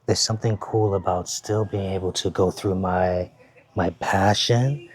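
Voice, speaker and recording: A man giving a casual show-and-tell of sports jerseys at home, talking in an unhurried, halting way and repeating words. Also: sits low, fairly even intonation, slightly rough. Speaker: jersey reviewer. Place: home, with his baby nearby.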